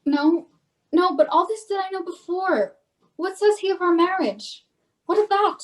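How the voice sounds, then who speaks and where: Woman cast as a pleading, lovestruck young girl; high and slow, off-mic. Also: animated, distant mic, poor audio. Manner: impatient, pleading. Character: impatient young girl in love. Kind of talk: amateur Shakespeare reading.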